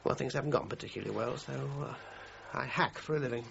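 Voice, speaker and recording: A man with a medium-pitched, gravelly, fairly bright voice talks fast. He's an actor in a radio crime drama playing a defensive film composer who is down on his luck, hesitant and prickly as he justifies himself, with a subdued, regretful mood. The recording is muffled and noisy.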